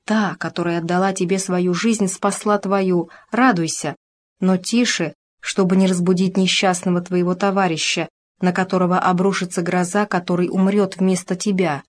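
A woman's voice: lowish voice, little pitch movement, moderate pace, natural voice. A woman reading the lines of an anxious, loving young noble bride in an audiobook, with urgent, emotional pleading.

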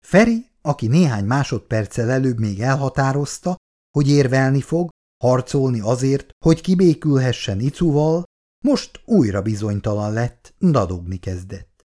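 A man reading a novel aloud in an expressive way. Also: medium pitch. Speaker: reader.

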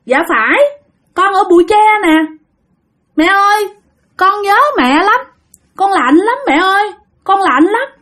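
A woman's voice: very high-pitched, lively intonation, unhurried, pauses often, fairly bright tone, pitched above the performer's own voice, full character voice. Woman doing a cold, pleading child ghost. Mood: mournful. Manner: pleading, repetitive. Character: ghost of a miscarried baby, cold and longing for mom.

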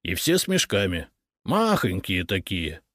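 A man's voice: low voice, wildly swooping pitch, a little slow, fairly bright tone, no echo, clean studio sound, exaggerated voice. A man voicing a sly, boastful male drunkard who stammers and wheedles. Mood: wheedling.

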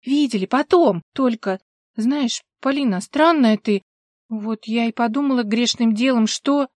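A loud, earthy actress talks bluntly and at length in a high, bold voice, as a woman reads her. Her tone is brash and direct. The recording is dry. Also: a little slow, dry recording, lightly acted. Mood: chatty.

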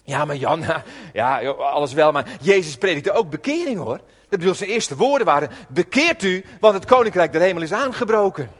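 A man's voice: a little high, expressive, moderate pace, long reverb tail. A man voicing a skeptical male churchgoer who teasingly corrects him. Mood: chiding.

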